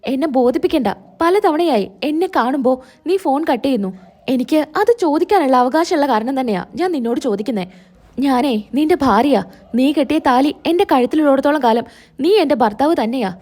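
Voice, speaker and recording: A woman's voice: high voice, lively intonation, fairly quick, a little mellow. A woman reading the lines of a hurt, pregnant young wife in a story recap, pleading and reproachful.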